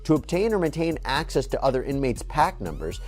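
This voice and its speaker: A man's voice: on the high side, big pitch swings, brisk, a little mellow, faint music behind. A man giving legal news commentary, reading formal document text aloud and explaining it.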